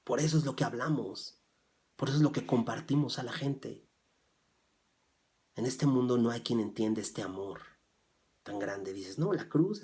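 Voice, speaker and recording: A man preaching a sermon as pastor. He drops to soft, low asides, then rises loudly when he reads scripture, and he asks his listeners rhetorical questions. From Mexico. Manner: swings from soft, low asides to loud, raised scripture reading.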